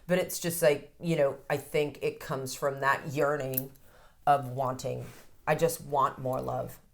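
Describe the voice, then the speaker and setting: A woman's voice: a bass voice, measured pace, vocal fry. A woman in her thirties, a codependency counselor, talking candidly as an interview guest and swearing now and then. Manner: candid, animated, swears freely. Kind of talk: casual interview talk.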